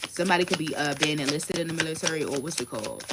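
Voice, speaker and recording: A woman's voice: low-pitched, racing, heavy background noise. Blunt, cursing woman in her thirties. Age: 30s. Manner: blunt, profane, emphatic. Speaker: tarot card reader. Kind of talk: casual livestream rant and card reading.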